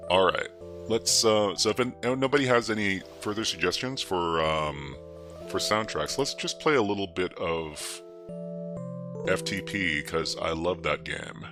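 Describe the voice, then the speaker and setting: A man's voice: a little slow, over music. A man livestreaming through a voice changer that morphs him into a mock-menacing "scary hacker" persona, talking in a playful, jokey way. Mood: casual. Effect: voice changer, deep morphed voice. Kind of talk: livestream hacking commentary.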